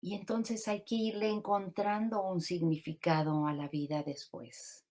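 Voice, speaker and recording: A woman grief counselor giving a calm, reflective teaching talk on grief, often asking rhetorical questions. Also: medium pitch, moderate pace.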